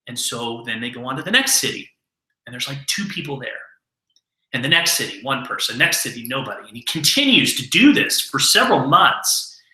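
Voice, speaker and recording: A man's voice: mid-range voice, big pitch swings, fairly quick, bright, forceful tone. A man mentoring his team by telling an earnest motivational story. He repeats words when stressing a point. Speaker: mentor giving a training. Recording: echoey room.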